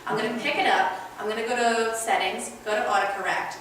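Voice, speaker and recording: A woman's voice: mid-range voice, fairly even intonation, a little fast, a bit bright. A young woman from New York doing a stand-up comedy set, ranting in an exasperated way and laughing at her own jokes. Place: small comedy club stage. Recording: echoey club heard from far off, noisy.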